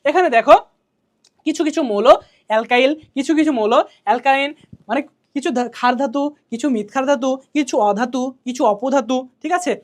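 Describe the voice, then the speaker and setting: Woman tutor, quick and higher-pitched, chatty drilling style. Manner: drills key answers by asking and repeating them; colloquial, chatty. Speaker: teacher. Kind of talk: exam revision lesson.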